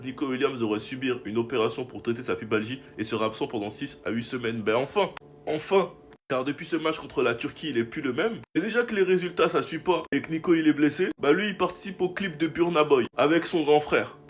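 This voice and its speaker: A man giving casual football commentary as a channel host, talking straight to his viewers. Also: fairly high pitch. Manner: chatty, addresses viewers directly.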